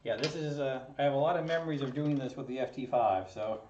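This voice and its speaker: Talking fast in a mid-range, somewhat mellow voice, a man assembles a 3D printer kit for his maker channel in a home basement workshop. He's chatty and self-mocking, chuckling often, with slight background noise. The sound comes from a camera on a tripod across the table, so it's roomy, distant and slightly dull.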